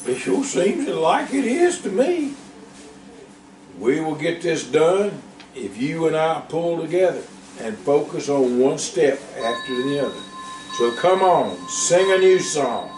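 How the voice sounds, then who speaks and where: A man's voice: on the high side, slow pace, a little hiss or hum, pitched above the performer's own voice. A man voicing an older male work animal who patiently encourages his younger partner. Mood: urging. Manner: encouraging, steady. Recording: roomy, distant, faint background.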